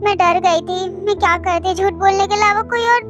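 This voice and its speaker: A woman's voice: extremely high pitch, brisk, over music. A woman voicing an anxious young married woman who apologizes, in a fan drama dub. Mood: guilty. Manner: guilty, apologetic.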